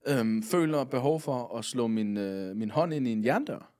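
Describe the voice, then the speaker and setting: A man's voice: mid-range voice, animated, darkish tone. A man from Funen chats as a podcast guest, spinning out a long anecdote. He rambles easily, filling the gaps with little hesitations and tossing in casual curses. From Funen, Denmark. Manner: rambling, with many fillers and casual swearing. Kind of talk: casual storytelling.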